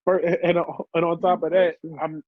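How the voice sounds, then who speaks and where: A man's voice: on the high side, flat delivery, dry recording. A man co-hosting a comedy podcast, telling brash, profane stories in casual banter. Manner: brash, rapid, profane storytelling. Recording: dull lo-fi sound.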